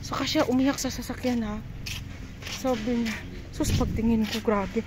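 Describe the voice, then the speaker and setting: Woman vlogger talking on the move, high-ish voice, street noise in the background. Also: steady tone, moderate pace. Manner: chatty, mixing English into her talk. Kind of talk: casual walking vlog. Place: outdoors on a street. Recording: noisy outdoor street sound.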